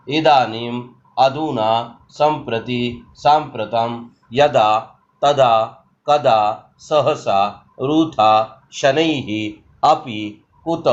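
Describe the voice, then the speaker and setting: Slow, deliberate male Sanskrit teacher. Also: medium pitch, highs cut off. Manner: slow, deliberate explanation with example sentences. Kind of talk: exam-prep grammar lesson.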